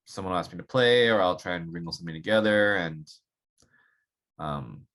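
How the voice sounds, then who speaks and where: A man with a very low, deep voice speaks as a podcast guest. His talk is relaxed and rambling, padded with fillers as he thinks aloud about playing saxophone. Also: normal speed. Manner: relaxed, rambling, filler-heavy with many "like" and "you know". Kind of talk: casual podcast interview.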